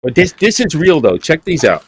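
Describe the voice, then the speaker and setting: A man's voice: on the high side, sing-song, moderate pace, a little hiss or hum. A man hosting a Bible study show, telling folksy jokes and stories in casual chat. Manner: joking storyteller, folksy. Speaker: Bible teacher and show host.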